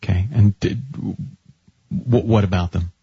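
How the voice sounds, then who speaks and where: A man's voice: on the low side, a little slow, mellow, slightly rough, dry recording, lo-fi sound. A man hosting a call-in radio advice show, talking in a chatty, coaching way and often restarting his sentences. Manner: chatty, self-interrupting, coaching tone. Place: radio studio.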